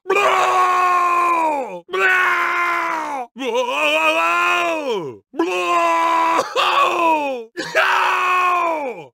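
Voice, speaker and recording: A bombastic monster truck villain with vampire-count theatrics for a video game. The voice is strained very high and extremely gravelly, with a piercing, harsh edge. Every taunt is theatrical and menacing. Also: male voice, pushed and bright, no echo, studio quality, heavily acted. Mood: frustrated, dismayed. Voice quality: raspy, gravelly. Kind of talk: video game character voice clips.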